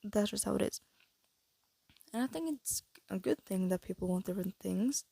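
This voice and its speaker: A teenage vlogger rambles casually into a phone held close, her breathy, stuffy-nosed voice carrying a slight lisp from the retainers she's wearing. She hesitates often, thinking aloud with many fillers and restarts. Her medium-pitched voice is mellow, with lively intonation and a moderate pace.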